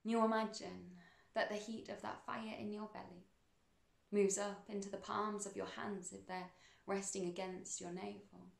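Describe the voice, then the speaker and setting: A woman leads a calm, leisurely meditation, her mid-pitched, level voice carrying a distinct fry. Her phrases come slowly and deliberately with pauses in between, and a clear echo from the room hangs around what she says.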